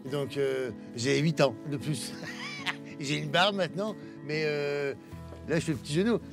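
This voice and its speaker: A man's voice: on the high side, unhurried, gravelly, music in the background. A man with a northern French accent, a comedian chatting and joking playfully. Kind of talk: stand-up and documentary chat.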